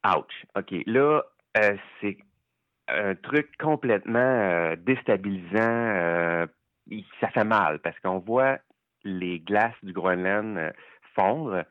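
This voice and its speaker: A man with a Québécois accent reviewing documentaries in casual podcast chat, enthusiastic and halting with many fillers. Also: fairly low pitch, no echo. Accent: Québécois French. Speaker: film critic guest. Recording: tinny phone-like line, dry.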